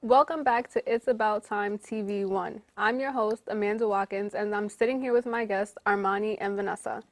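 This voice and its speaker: Woman host, encouraging interviewer, middle pitch, dry recording. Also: fairly even intonation, dry recording. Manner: upbeat, encouraging, quick follow-up questions. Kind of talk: casual interview.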